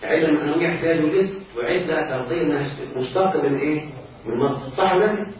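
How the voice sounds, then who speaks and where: A man's voice: a little high, fast. A man with an Egyptian accent teaching Arabic grammar in a classroom, constantly quizzing his students on whether they follow. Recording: very echoey room, mic far off, dull sound, faint hiss.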